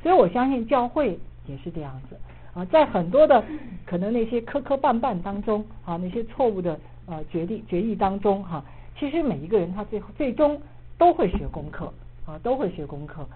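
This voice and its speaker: Animated woman preacher, phone-like sound. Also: mid-range voice, brisk, husky. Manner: animated storytelling, frequent filler particles. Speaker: assistant pastor. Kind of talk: sermon with personal story. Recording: muffled phone-like audio with faint noise.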